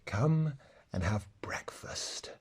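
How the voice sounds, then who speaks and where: A man's voice: lowish voice, expressive, husky, in a whisper, voice pushed down, full character voice. A man doing a sweet, milky-voiced lamb. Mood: gentle. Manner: soft, slow, hushed.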